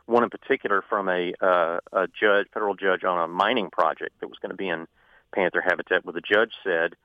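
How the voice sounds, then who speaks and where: A man who is a journalist and author, guest on a radio interview, an animated storyteller who laughs often. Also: sits low, a little fast, no room sound, phone-quality sound.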